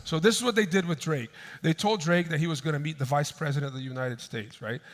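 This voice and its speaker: A male pastor preaching a sermon, telling a story in an animated way and breaking into raised, panicked voices for the people in it. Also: on the high side, quick pace, big-room sound. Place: church sanctuary.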